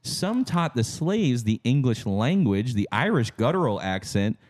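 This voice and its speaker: A man co-hosting a comedy podcast, presenting a mock-serious conspiracy theory with rising excitement. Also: medium pitch, unhurried. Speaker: podcast co-host.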